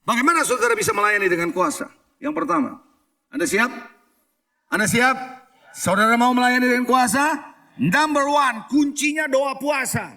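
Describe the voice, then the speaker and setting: Speaking at a normal speed with an extremely high, sharp voice, a middle-aged male pastor preaches in a church hall. He tells stories, asks his congregation questions and mixes English phrases into the sermon.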